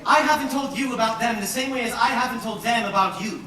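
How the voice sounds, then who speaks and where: A man's voice: extremely high pitch, quick pace, a little hiss or hum. A man playing an anxious rich son who longs to sing, echoing on a far stage. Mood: worried. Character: young man, secretly rich, anxious about his family, becoming a singer. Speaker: stage actor in a musical. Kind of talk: musical theatre acting and singing. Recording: distant echoey stage recording with loud orchestra.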